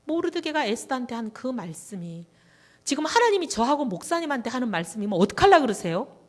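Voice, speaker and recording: A woman's voice: high-pitched, fast talker. A middle-aged woman speaking as a guest at a church revival meeting, telling a testimony and acting out prayers and conversations. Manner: animated storytelling, acting out prayers and dialogue. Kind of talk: testimony sermon.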